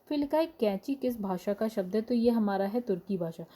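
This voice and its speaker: A woman teacher with a mellow, warm voice works through exam questions. She reads long lists of words in a steady rhythm and explains each answer plainly. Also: medium pitch, a little fast. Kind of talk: exam-prep lesson, reading questions and word lists.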